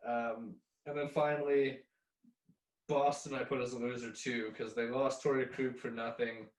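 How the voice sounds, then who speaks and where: A man's voice: mid-range voice, little pitch movement, moderate pace, recorded from a distance. A man co-hosts a casual hockey chat in an offhand, blunt way. He sits away from the mic, and his voice bounces around an echoey room. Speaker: podcast co-host.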